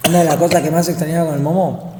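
A man's voice: on the high side, little pitch movement, rapid-fire, warm tone. A man in his thirties with an Argentine accent, chatting casually as host, rambling and teasing. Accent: Argentine Spanish. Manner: rambling, teasing, turns emphatic when lecturing. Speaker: streamer host. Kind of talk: casual chat. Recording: echoey roomy space with faint noise.

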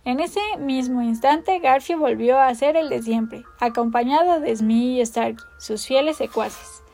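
A woman narrating a storybook with an expressive, theatrical delivery. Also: high-pitched, measured pace, gravelly.

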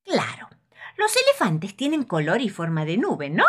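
A woman voicing an eager, imaginative male pig student in a storybook, excited and bursting with ideas. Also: mid-range voice, normal speed, husky.

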